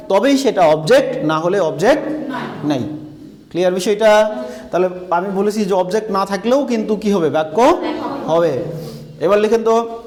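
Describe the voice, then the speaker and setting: High-voiced teacher quizzing his class. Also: darkish tone. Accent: Bangladeshi Bengali. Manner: quizzes the class, then repeats their answers. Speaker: English teacher. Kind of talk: classroom grammar lesson. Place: school classroom.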